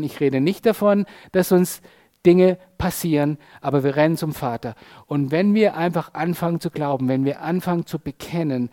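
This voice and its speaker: A man preaching a sermon in a casual, conversational way, often tagging his sentences with quick questions to the listeners. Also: fairly high pitch, darkish tone.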